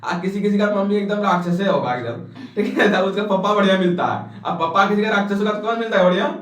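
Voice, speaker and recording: A high-voiced male teacher lectures a class, teasing his students and peppering them with questions. He sits back from the microphone, and the room rings with echo. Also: fast, fairly bright tone. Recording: echoey classroom from far off.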